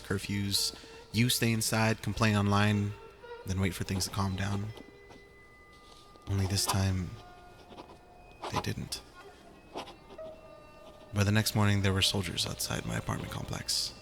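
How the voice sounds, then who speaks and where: Young male apocalypse survivor, acted by a man: lowish voice, weary, wry, confiding journal delivery, clear music underneath. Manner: hesitant, confiding, informal. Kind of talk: first-person audio journal drama.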